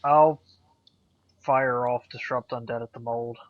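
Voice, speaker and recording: A man's voice: medium pitch, steady tone, measured pace, dry recording. A man chatting casually as a player in a tabletop role-playing game. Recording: dull, muffled sound.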